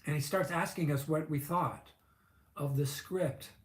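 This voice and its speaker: A man's voice: fairly high pitch, steady tone, measured pace, reverberant. A man in his fifties, a vlogger, telling a long personal story in a chatty, rambling way full of fillers and asides. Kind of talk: casual storytelling.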